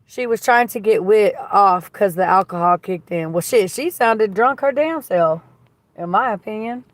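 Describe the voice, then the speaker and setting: Reading viewer comments on her livestream, a woman chats casually in a blunt, gossipy style laced with swearing. Her slightly raspy voice is mid-range at a moderate pace, with no echo.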